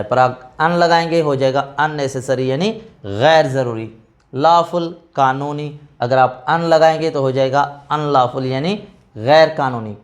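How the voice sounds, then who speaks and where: A man teaching English vocabulary in a patient, step-by-step way. He repeats each word and then gives its meaning. His pitch sits in the middle range. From South Asia. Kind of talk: explaining vocabulary to students.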